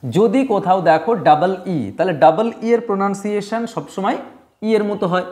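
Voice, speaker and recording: High-voiced teacher explaining rules. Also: male voice, brisk, a little mellow. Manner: repeats points, asks and answers his own questions. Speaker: English teacher. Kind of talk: classroom lesson at a board.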